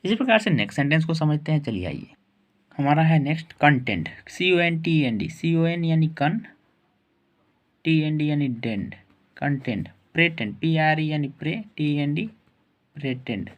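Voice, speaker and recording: Man spelling out English words slowly. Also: a little high, expressive. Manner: spells out letters slowly, repeats words and adds "ठीक है". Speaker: English teacher. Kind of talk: spelling and pronunciation lesson.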